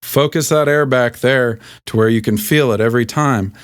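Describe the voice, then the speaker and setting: A man with a deep speaking voice hosts a casual singing lesson at a moderate pace, with a slight Southern US accent. He's relaxed and self-deprecating, filling his talk with many fillers and restarts.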